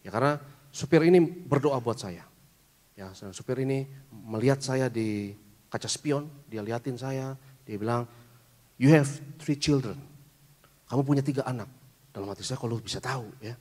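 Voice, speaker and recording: A male pastor preaching, telling a personal story to his congregation in a chatty way, often adding "ya" and calling them brothers and sisters. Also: lowish voice. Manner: conversational, addresses congregation as saudara, frequent "ya" fillers. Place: large church hall. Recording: live church stream with long reverb.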